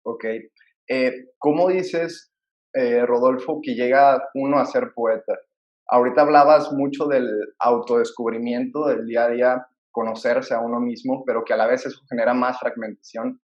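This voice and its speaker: A man's voice: mid-range voice, steady tone, moderate pace, echoey room, lo-fi sound. A man hosting a podcast interview, earnestly introducing and questioning his guest. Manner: earnest and admiring, reads introductions. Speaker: podcast host.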